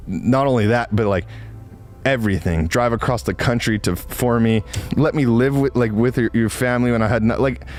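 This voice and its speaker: This lowish-voiced man, in his late twenties, gives a rambling, confessional monologue in a casual way, often halting mid-thought and interrupting himself.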